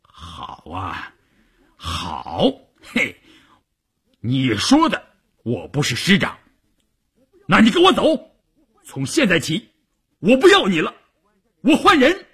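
A man's voice: fairly high pitch, brisk, sharp tone, breathy edge, voice pushed up. A man voicing a stubborn middle-aged army commander who blusters and then coaxes. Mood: angry. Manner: blustering, wheedling by turns.

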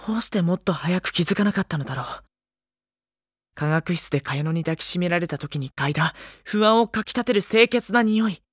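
Playing an earnest, brooding schoolboy in a Japanese audio drama, a male actor with a high, slightly bright, breathy voice questions and narrates with dramatic pauses, conveying anguished realization. The studio-quality recording has no echo.

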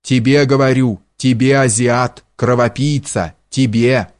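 A man reading an audiobook, voicing a poor peasant man who pleads slowly and then curses in fury. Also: mid-range voice, fairly even intonation, natural voice. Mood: furious.

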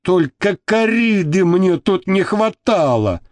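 A man doing a hushed, nervous thug. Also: high-pitched, sing-song, slow pace, no echo, pitched above the performer's own voice, exaggerated voice. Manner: hushed, pleading. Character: nervous male thug caught in a hotel room.

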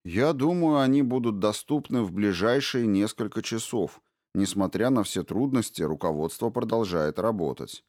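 A man voicing an evasive male fund official who answers questioning with indignant, smooth denials. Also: lowish voice, lively intonation, moderate pace, a little mellow, no echo, clean studio sound. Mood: defensive.

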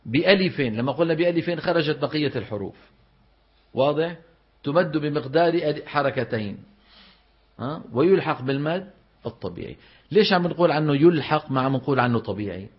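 A middle-aged man with a Levantine Arabic accent giving a classroom lecture on Quran recitation. He quizzes his students and then answers by drawing out the example words slowly. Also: fairly high pitch, lively intonation, breathy edge. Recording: slightly dull lo-fi recording.

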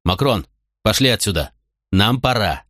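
A man's voice: fairly low pitch, expressive, unhurried, a bit bright, no echo, studio quality. A man voicing a young Roman officer who talks urgently and coaxingly.

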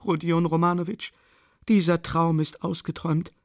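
A breathless, consumptive mother in a spoken audiobook scolds and pleads in a high, shrill rush, as a man reads her part. Her voice carries a gravelly rasp beneath the strain. The recording is close and dry. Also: flat delivery, normal speed, no room sound, natural voice. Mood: frantic, pleading. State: out of breath and coughing. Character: frantic impoverished widowed mother, consumptive woman. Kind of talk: audiobook character voice.

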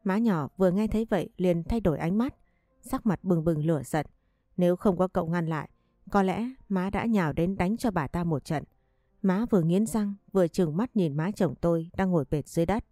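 A woman reading a family drama story aloud in a steady storytelling voice. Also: fairly low pitch, fairly quick, dry recording. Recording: dry close voice with faint music behind.

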